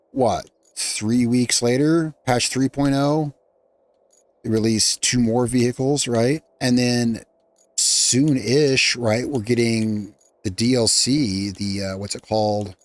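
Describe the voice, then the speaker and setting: A man's voice: medium pitch, no room sound. Chatty man narrating his gameplay. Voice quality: rambling, self-correcting, chatty. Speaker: gaming channel host. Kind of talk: casual gameplay commentary.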